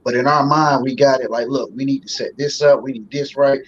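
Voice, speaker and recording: A man in his forties, a guest on a talk show, chats loosely and folksily with lots of fillers. He talks a little fast in a steady, mid-range voice, and the sound is slightly dull with faint noise.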